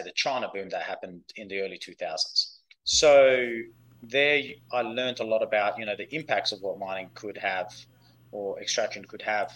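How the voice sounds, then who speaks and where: Australian man in his thirties, low voice. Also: fairly bright tone, low-quality recording. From Western Australia. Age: 30s. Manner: rambling, many "uh" fillers and restarts. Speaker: guest, company founder. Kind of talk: podcast interview answer.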